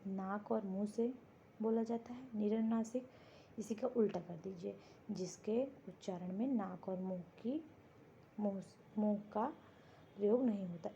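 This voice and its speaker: A woman's voice: medium pitch, dark tone, muffled recording, slight background noise. A woman teaching a grammar lesson for exam prep, explaining step by step and answering her own questions. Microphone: board lesson video, writing while talking.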